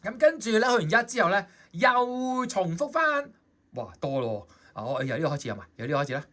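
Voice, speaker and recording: A saxophone teacher with a Hong Kong Cantonese accent talks his students through a score in a chatty, coaxing way. His voice sits fairly high for a man and swings up and down with lots of lively movement. He keeps checking that everyone is following. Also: quick pace. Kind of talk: explaining a score in a music lesson.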